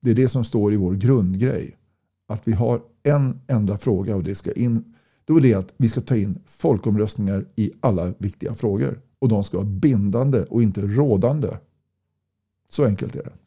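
A man's voice: fairly low pitch, warm tone, slightly rough. A man campaigning in casual talk to camera, blunt and folksy, pressing his points with repeated rhetorical questions. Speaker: political campaigner. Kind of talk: casual direct-to-camera talk reading viewer comments.

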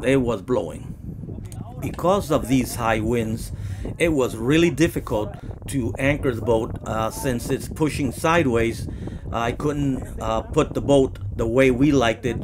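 On a windy stretch of open water, a middle-aged boating vlogger speaks at a medium pitch against background noise. He holds an action camera close and chats casually, wandering along with lots of fillers and false starts.

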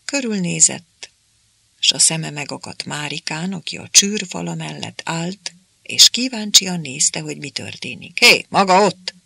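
Gravelly, bright-voiced male narrator. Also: fairly high pitch, expressive, no echo. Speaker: audiobook narrator. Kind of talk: scripted narration of a novel.

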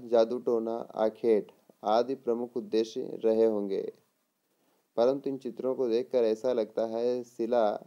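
This teacher, a man with a mid-range, warm voice, works through an exam lesson from his notes, raising questions and answering them. He speaks deliberately and repeats words at times, and the high frequencies are cut off.

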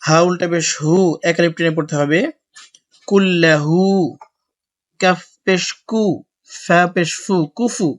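Male Quran tutor with a somewhat high, even-toned voice; drills letters slowly, then explains quickly. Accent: Bangladeshi Bengali. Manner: slow, drawn-out recitation alternating with brisk explanation. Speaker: Quran recitation teacher. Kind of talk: spelling-out Quran lesson.

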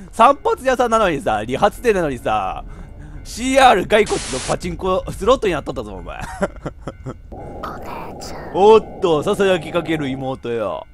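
A man playing a horror game, giving joking running commentary and breaking into sudden shouts. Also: sits high, sing-song, a little slow, pauses often, faint music behind. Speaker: VTuber game streamer.

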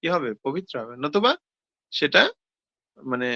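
A man giving a devotional talk on scripture, posing questions and answering them himself, with hesitant pauses and self-corrections. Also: a little high, expressive, pushed and bright, no room sound, lo-fi sound. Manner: explains with rhetorical questions and answers. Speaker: seminar speaker on scripture.

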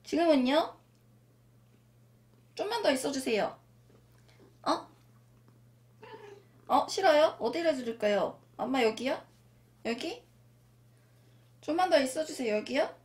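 A woman's voice: sits high, expressive, a little slow, pauses often, darkish tone. A young woman chatting playfully to her cats, cooing and putting on mock-polite masseuse talk. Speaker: pet vlogger.

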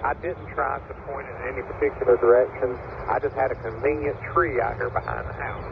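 Gravelly man over fading shortwave radio. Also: mid-range voice. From central North Carolina. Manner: courteous, measured, with radio call procedure. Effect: heard through a shortwave radio receiver, signal fading in and out. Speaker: ham radio operator answering a call. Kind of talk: polite on-air radio exchange. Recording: tinny, noisy shortwave radio.

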